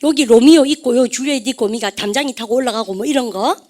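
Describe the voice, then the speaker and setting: A woman teaching English vocabulary to a class, lively and chatty, often calling out to her students and drilling English words aloud. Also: on the high side, fast talker. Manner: lively, repeats "여러분들", asks the class questions; refers to herself as "쌤". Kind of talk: lecture to a class.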